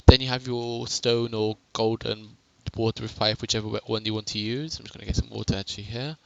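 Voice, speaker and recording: Young male gamer, gravelly, chatty home-recorded tutorial voice. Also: on the low side, steady tone, a little fast, a bit bright, lo-fi sound, a little hiss or hum. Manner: rambling, self-correcting, chatty. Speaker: game tutorial narrator. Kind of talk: casual gameplay tutorial. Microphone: headset.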